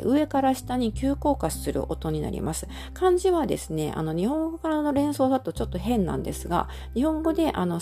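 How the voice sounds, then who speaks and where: A woman teaching in an audio lesson, explaining patiently step by step and filling pauses with many soft hesitations. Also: fairly low pitch. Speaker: Chinese language teacher.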